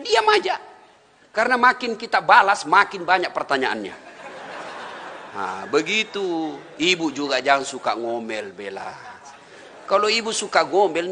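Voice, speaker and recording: A male preacher tells jokes and stories during a sermon, chuckling along the way. His voice is high and bright, with long reverb from a large hall. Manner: joking, storytelling, chuckling. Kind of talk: humorous sermon.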